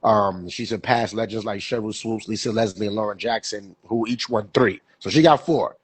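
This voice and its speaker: This sports podcast co-host is a young man whose low-ish voice is stuffy and husky from a cold. At a moderate pace, he rambles casually, repeating words and relying on fillers. The recording is dry and close, with no sense of a room.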